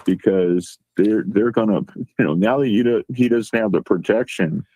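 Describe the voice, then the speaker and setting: A man's voice: on the low side, moderate pace, dark tone, dry recording, rough recording. A man guest chatting casually, telling a rambling anecdote and acting out the quoted lines. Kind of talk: casual chat.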